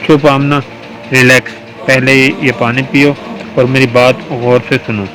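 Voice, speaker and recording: A man's voice: mid-range voice, level tone, natural voice, rough recording. A man reading aloud the lines of a confident, protective young wife in a storybook, in a firm, reassuring way.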